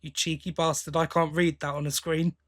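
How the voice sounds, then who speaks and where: A British podcast co-host speaks a little quickly in a fairly high, level voice. The talk is an easygoing fan review, delivered with blokey teasing.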